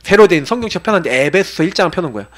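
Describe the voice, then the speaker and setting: A man in his forties, a pastor preaching a sermon with animated urging and low, confiding asides. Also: very fast.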